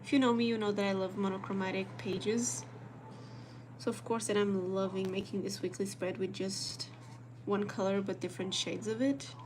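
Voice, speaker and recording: Young Portuguese-accented woman, relaxed chatty vlogger voice, faint noise behind. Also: mid-range voice, moderate pace. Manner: chatty, relaxed, talks to viewers while drawing. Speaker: planner artist and vlogger. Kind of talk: casual live-stream chat while journaling.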